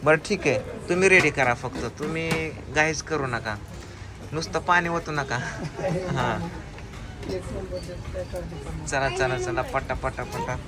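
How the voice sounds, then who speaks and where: A man's voice: mid-range voice, slow, long pauses. A man running a family food challenge outdoors, hurrying the eaters along and teasing them as he counts the scores. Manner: urges and teases, counts out scores. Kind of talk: casual excited commentary.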